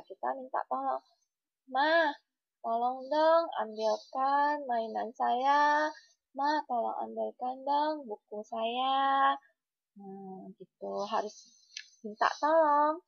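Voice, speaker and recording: Gentle, slightly gravelly teacher woman. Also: fairly high pitch, dry recording, lo-fi sound. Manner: gentle, repetitive, checking in with "oke?". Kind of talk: online lesson for young children.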